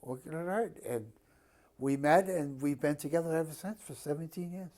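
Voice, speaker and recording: A man's voice: fairly high pitch, normal speed, a little mellow. A man in his fifties with a Boston accent, chatting casually and bluntly as he answers an interviewer's questions. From Boston area, Massachusetts, USA. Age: 50s. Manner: blunt, plain-spoken, given to swearing. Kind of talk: casual chat.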